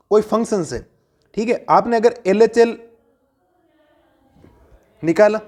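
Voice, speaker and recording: A high-voiced man takes students through a classroom math lesson. He keeps asking questions and answers them himself, and he repeats each key point so it sticks. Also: darkish tone. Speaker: math teacher.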